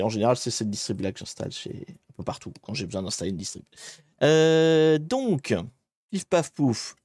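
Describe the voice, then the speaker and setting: A man's voice: medium pitch, warm tone, no room sound. Chatty man streaming a hacking challenge. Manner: chatty, rambling, self-interrupting. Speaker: livestreamer doing a hacking challenge. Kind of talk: casual live-stream commentary.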